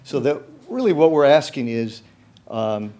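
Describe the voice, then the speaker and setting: Halting man addressing a commission. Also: medium pitch, lively intonation, warm tone. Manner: halting, many fillers and restarts. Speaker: club representative at public meeting. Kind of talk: unscripted public comment. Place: city commission meeting room.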